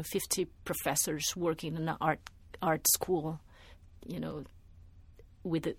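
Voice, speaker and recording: Responding to an interviewer with careful thought, this Brazilian media artist in middle age, once an art teacher, speaks on the low side. Her answers are full of restarts and fillers, and the recording has no room sound.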